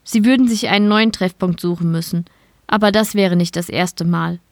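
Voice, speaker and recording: A woman reading a short story aloud in calm, measured scripted narration. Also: fairly low pitch, no echo, clean studio sound. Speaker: story reader.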